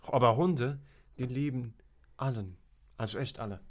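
A man's voice: medium pitch, moderate pace. Teen boy guest, loose rambling storyteller, keeps stalling on fillers. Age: teens. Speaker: podcast guest. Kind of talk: casual chat.

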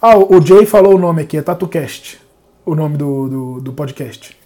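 Laughing, chatty man with a mellow voice. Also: fairly high pitch, moderate pace, faint music behind. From Salvador, Bahia, Brazil. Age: 30s. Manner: laughs often, relaxed and chatty. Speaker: podcast host. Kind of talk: casual live podcast interview.

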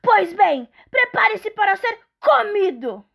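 A woman voicing a greedy, bad-tempered old male troll who roars threats, pitched well above her usual voice. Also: very animated, slow, vocal fry, a bit bright, heavily acted. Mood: roaring. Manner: roaring, threatening.

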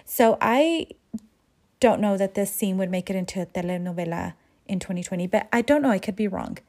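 A woman's voice: medium pitch, animated, a little fast, mellow. A woman casually recapping a telenovela episode, swearing freely and acting out the characters' lines with big jumps in her voice. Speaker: recap host.

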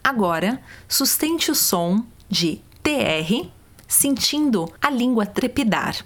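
A woman, calmly guiding listeners step by step through vocal warm-up exercises. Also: fairly high pitch, slow pace. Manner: calm, step-by-step, demonstrates sounds. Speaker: voice coach. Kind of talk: guided vocal warm-up instructions.

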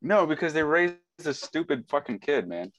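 A man joining a casual debate over a video call, blunt and profane, reasoning out loud with restarts. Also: fairly high pitch, sing-song, moderate pace, no room sound.

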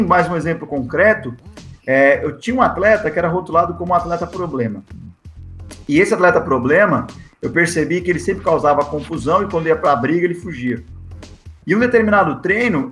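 A man with a Brazilian Portuguese accent, a football assistant coach telling stories in a casual interview and acting out the dialogue in them. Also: fairly high pitch. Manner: lively, acts out the dialogue in his stories. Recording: echoey room with faint music.

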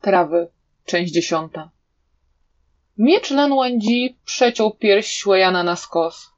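A woman reading a fantasy novel aloud in an even, measured voice, as an audiobook narrator, in a slightly dull recording. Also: mid-range voice. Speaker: audiobook reader.

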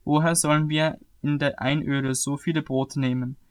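Puzzled male followers asking earnest questions, as a man reads them aloud. The voice is a little higher than usual for a man and is read plainly. It sounds like scripted scripture reading. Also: level tone, normal speed, clear, resonant tone, no room sound, natural voice. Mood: questioning.

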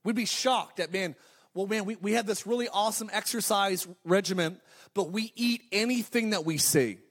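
A man in his thirties delivers a sermon in a high, bright-edged voice. He preaches with energy, stacking repeated declarations and slipping in quick joking asides before driving his point home. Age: 30s. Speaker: pastor.

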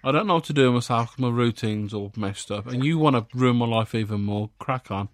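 A man's voice: mid-range voice, fairly quick, dry recording, clean studio sound. A man co-hosting a podcast with a blocked nose, joking around and stumbling over long names. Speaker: podcast co-host. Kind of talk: casual chat.

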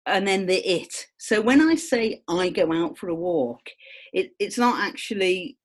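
A woman's voice: mid-range voice, unhurried. A woman explaining ideas in a casual, rambling chat, full of fillers and self-mocking asides. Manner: rambling, full of "kind of" and "you know"; chatty, self-mocking, lively.

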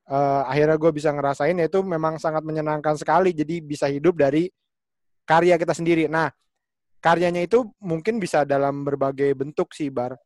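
Hesitant man, fairly high voice. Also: fairly even intonation, a little fast, darkish tone, no room sound. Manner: hesitant, many fillers and restarts while thinking aloud. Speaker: stand-up comedian. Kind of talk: casual panel chat.

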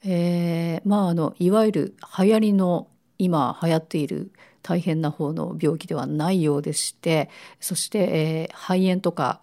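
A woman hosts a casual radio talk in a fairly low, very mellow voice. It is hoarse, with a smoker's rasp from a lingering cold. Her phrasing is polite and unhurried by formality. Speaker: radio show host.

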